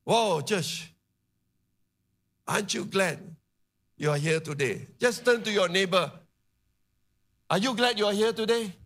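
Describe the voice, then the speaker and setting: A man preaching a charismatic sermon to his congregation, building to emphatic shouts and dropping into chatty asides. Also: high-pitched, moderate pace, pauses often. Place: church service.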